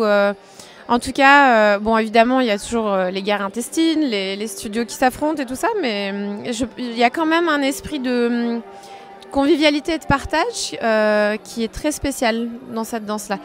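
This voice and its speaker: A dancer from France answering interview questions in a loose, chatty way. She hesitates often and fills pauses as she thinks. Her voice sits on the higher side for a woman. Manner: hesitant, many fillers. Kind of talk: casual interview chat.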